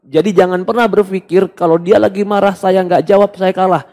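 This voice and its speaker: A man preacher giving a question-and-answer sermon, animated and emphatic, dropping to soft quoted asides. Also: high-pitched, a little fast. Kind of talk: sermon, Q&A lecture.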